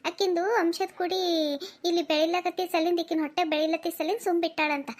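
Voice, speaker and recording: A woman's voice: very high voice, level tone, a little fast. Woman doing a furious North Karnataka mother. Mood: furious scolding. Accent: North Karnataka Kannada. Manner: scolding, repeats her jabs. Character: angry protective middle-aged mother, sharp-tongued. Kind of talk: cartoon voice acting.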